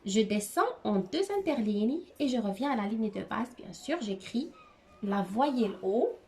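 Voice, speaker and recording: A woman's voice: medium pitch, animated, a little mellow, a little hiss or hum. A woman teacher giving a handwriting lesson, explaining each stroke patiently, step by step. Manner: slow, patient step-by-step instruction.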